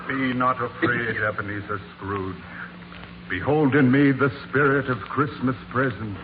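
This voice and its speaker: An actor playing a solemn, stately spirit with grave, declamatory delivery in 1940s radio style. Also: male voice, medium pitch, steady tone, a little slow, lightly acted. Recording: narrow-band, hissy 1940s radio recording.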